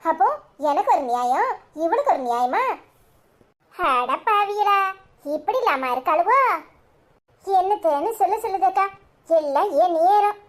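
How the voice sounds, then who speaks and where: A woman's voice: extremely high pitch, lively intonation, a little slow, pauses often. Woman voicing a grumbling put-upon wife. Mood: complaining. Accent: Tirunelveli Tamil. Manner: complaining, lamenting. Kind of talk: cartoon voice acting.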